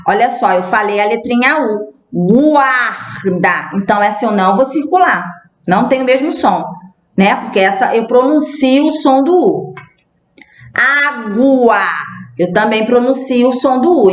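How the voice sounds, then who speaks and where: A Brazilian woman teaches young pupils in a recorded lesson, going through words one by one. Her voice sits a little high and she speaks very slowly. The room around her is echoey. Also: lively intonation. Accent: Brazilian Portuguese. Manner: slow, patient, spelling out words one by one. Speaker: primary school teacher. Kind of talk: recorded remote class lesson.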